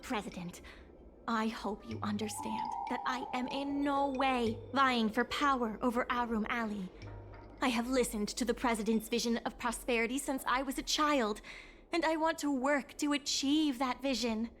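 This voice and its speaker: A woman's voice: a little high, normal speed, fairly bright tone, faint music behind, lightly acted. An actress playing an earnest young woman merchant who speaks sincerely and politely.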